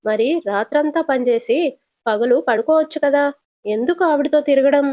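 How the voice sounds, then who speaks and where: A woman puts on a teasing young cab driver from a retold TV serial. He pokes and pries at his passenger in a slightly high, dry-sounding voice, short and blunt. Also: normal speed, a little mellow, no room sound, lightly acted. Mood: needling. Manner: teasing, probing questions.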